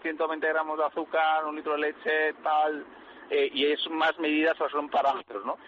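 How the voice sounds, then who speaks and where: A male chef speaks bluntly and casually, swearing now and then as he explains his craft. His voice is a little high, with a dull sound and faint hiss from the line. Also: little pitch movement, moderate pace. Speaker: chef guest. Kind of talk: casual radio chat.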